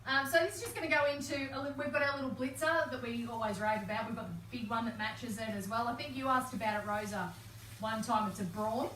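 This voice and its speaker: A woman's voice: a little high, fairly even intonation, quick pace, fairly bright tone, echoey room, far from the mic, slight background noise, low-quality recording. A woman co-hosting a live cooking stream in a home kitchen, chatty and bubbly, laughing often. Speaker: cooking show co-host.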